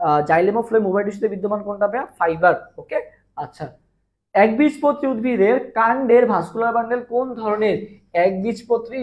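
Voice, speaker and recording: A man's voice: high voice, dull audio. A young man from Bangladesh teaching a live online biology revision class, repeating questions and answers and asking viewers to comment.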